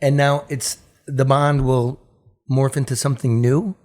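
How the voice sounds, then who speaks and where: A middle-aged man hosting a casual talk show chat, halting and restarting his sentences and laughing often. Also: mid-range voice, little pitch movement, darkish tone. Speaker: host.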